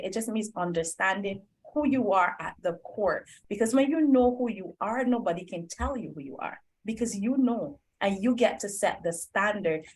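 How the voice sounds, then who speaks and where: A woman from Barbados, a guest on a podcast, giving encouraging, preacher-like motivational advice. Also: mid-range voice. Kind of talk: motivational interview talk.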